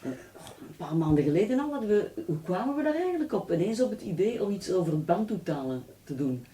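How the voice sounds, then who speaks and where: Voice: medium pitch, very animated, fast, dark tone. A radio co-host, asking guests casual, chatty questions in a studio. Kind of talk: radio interview.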